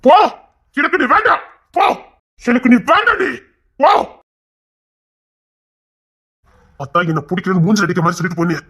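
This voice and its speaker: A man's voice: sits high, steady tone, racing, fairly bright tone, breathy edge. A man playing a brash young man who challenges the woman he loves, then turns guilty and pleading. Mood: angry. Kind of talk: screen drama acting.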